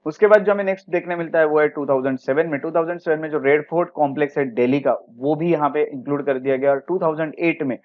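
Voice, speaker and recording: A man's voice: on the high side, quick pace, few pauses, lo-fi sound. A man with an Indian accent teaching a history lecture for exam preparation, explaining step by step and mixing English words into his speech.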